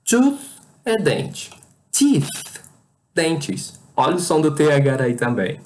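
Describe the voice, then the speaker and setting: Patiently teaching pronunciation, an English teacher with a Brazilian Portuguese accent repeats every word and over-articulates each sound. The voice is mid-range and slightly mellow, moving slowly with wide swings in pitch.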